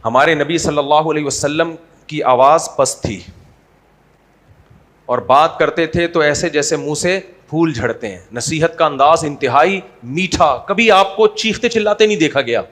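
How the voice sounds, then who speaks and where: Speaking in Urdu, this preacher has a fairly high, somewhat bright voice. He delivers his Islamic sermon with humor and a conversational tone, tossing rhetorical questions at his listeners.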